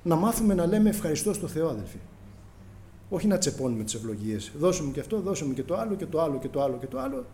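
A middle-aged male preacher delivers an impassioned sermon, his somewhat high voice swinging widely in pitch as he acts out prayers and exchanges. The tone is mellow and dark rather than bright. He keeps calling out to the congregation as brothers. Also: big pitch swings, a little hiss or hum.

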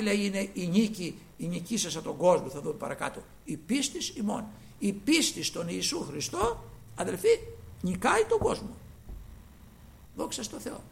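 A man preaching a sermon with fervor, jumping from loud exclamations to quiet asides and acting out the voices he quotes. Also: high-pitched, gravelly.

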